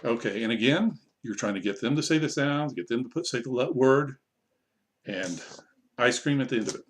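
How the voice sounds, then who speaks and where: A man, an online English teacher, casually explaining how to run a practice lesson in a relaxed, conversational way. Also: medium pitch, moderate pace, slight background noise. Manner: relaxed, conversational, self-correcting.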